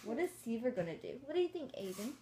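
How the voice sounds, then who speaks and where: A woman's voice: a little high, very animated, fast, warm tone. A woman reading a picture book aloud to young children, coaxing them along with simple questions. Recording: clearly noisy room.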